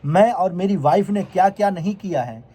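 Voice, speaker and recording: High-voiced man ranting angrily. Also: moderate pace, warm tone. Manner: confrontational, scolding, repeats "bhai" for emphasis. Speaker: vlogger. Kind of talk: heated rant to camera.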